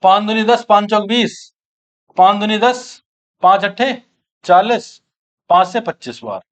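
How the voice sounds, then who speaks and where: A man's voice: high-pitched, unhurried. A man from teaching a maths class, working each problem aloud and asking his students questions. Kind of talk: exam-prep maths lesson. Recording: dull lo-fi online class recording.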